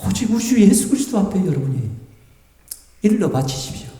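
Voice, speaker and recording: A man preaching as a pastor, lively and animated, acting out tearful prayers and grumbling complaints to make his point. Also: high voice, brisk. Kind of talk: sermon. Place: church sanctuary. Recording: echoey church hall, voice from far off the mic.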